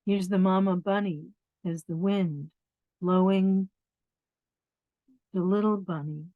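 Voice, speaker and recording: Speaking slowly and steadily at a medium pitch, a read-aloud storyteller narrates a picture book and chats informally to families. She addresses young listeners directly, and the audio sounds like it came through a phone.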